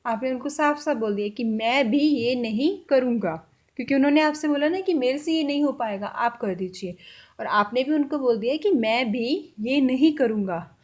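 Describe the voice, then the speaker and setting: High-voiced woman teaching phrases slowly. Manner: slow, carefully repeated example sentences. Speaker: language teacher. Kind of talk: spoken language lesson.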